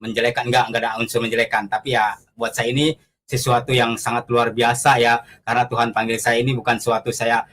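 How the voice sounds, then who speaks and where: A man's voice: medium pitch, little pitch movement, fast talker, fairly bright tone, slight background noise. Earnest man telling a personal testimony. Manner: earnest storytelling, acts out quoted voices, frequent fillers. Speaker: guest giving a testimony. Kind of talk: conversational testimony.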